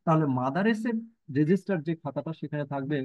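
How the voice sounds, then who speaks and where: A man's voice: fairly high pitch, fast talker, a little mellow, no room sound. Man lecturing over a tinny line. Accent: Bangladeshi. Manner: mixes English reading with Bengali explanation, many fillers. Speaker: university lecturer. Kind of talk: live online lecture. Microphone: online class audio. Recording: tinny phone-like line, dry.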